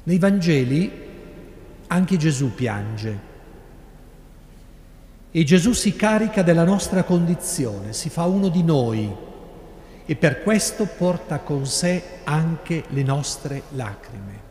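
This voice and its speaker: A middle-aged man with an Italian accent, a priest preaching a sermon in slow, measured phrases with long pauses. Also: a little high, sing-song, darkish tone, a little hiss or hum. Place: large church sanctuary. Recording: echoey church with long reverb, live broadcast.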